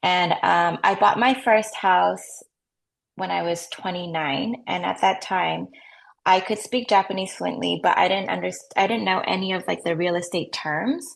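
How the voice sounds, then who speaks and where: A US-raised woman in her thirties chats casually as an interview guest about working as a real estate agent, dropping frequent "like"s and light laughs. Her voice is lowish, steady in tone, a little slow, with vocal fry.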